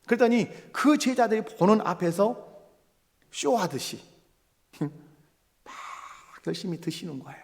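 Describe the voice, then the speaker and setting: Animated high-voiced male pastor, church reverb. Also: unhurried, pauses often. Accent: Korean. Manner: animated, asks the congregation questions and acts out quoted lines. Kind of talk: sermon. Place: church sanctuary.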